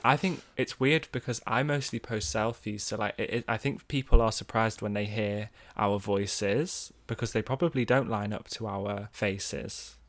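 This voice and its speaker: Male co-host from Wales, northern English accent, boyish and teasing, slightly low voice. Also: normal speed, hardly any pauses, fairly bright tone. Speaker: podcast co-host. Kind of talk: casual chat.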